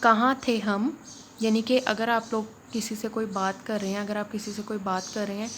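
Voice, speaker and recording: A woman, teaching English phrases in a spoken lesson and patiently repeating each one slowly. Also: mid-range voice, flat delivery. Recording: faint background noise.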